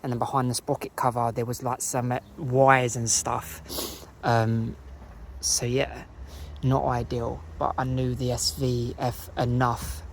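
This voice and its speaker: A man with an Essex accent casually talking through motorcycle maintenance outdoors, relaxed and rambling with fillers and self-corrections. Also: medium pitch, takes it slowly, creaky, a little hiss or hum. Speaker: motorcycle vlogger. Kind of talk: casual how-to narration. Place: outdoors beside a parked motorcycle.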